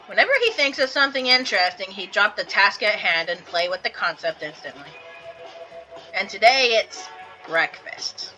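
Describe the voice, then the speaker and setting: A woman's voice: mid-range voice, normal speed, pushed and bright, soft background music, lightly acted, low-quality recording. A woman voicing a sleepy, dry young man in a game, grumbling about an early wake-up call. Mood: drowsy.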